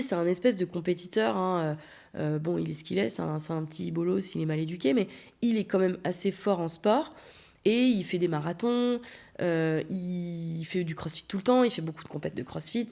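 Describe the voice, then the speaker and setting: A woman hosting a podcast, telling a personal story in a blunt, animated way and acting out the lines of the people in it. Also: on the low side, vocal fry. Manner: blunt, animated, acts out quotes. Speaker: podcast host. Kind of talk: casual storytelling.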